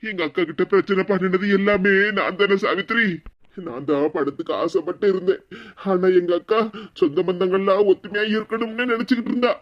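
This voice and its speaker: In this cartoon comedy piece, the performer voices a weepy, regretful middle-aged husband who grieves aloud in Kanyakumari Tamil and keeps repeating himself sorrowfully. His mid-range voice moves fairly quickly, the acting is light, and the audio sounds dull.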